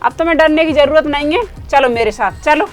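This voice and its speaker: A woman's voice: high voice, fairly quick, faint music behind, close to an everyday voice. A woman playing a protective mother who scolds the maid and comforts her daughter, in a home-made short drama. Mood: comforting. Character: protective angry mother, office worker.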